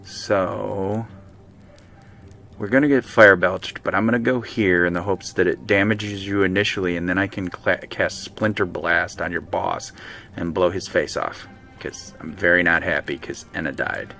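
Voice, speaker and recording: A man streaming a game live, excitably talking to his units and chatting with viewers. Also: sits low, normal speed, vocal fry, soft background music. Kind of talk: live let's-play commentary.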